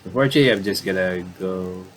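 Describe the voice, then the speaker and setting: This man's low voice moves fast as he reads game text from a visual novel and comments casually in let's-play style. He tends to ramble, restating and rephrasing his lines. There's slight background noise.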